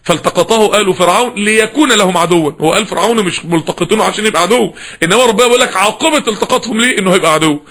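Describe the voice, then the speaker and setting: Fast, bright Egyptian preacher, impassioned. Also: male voice, high-pitched. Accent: Egyptian Arabic. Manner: impassioned, scolding, with rhetorical questions. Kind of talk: fiery sermon.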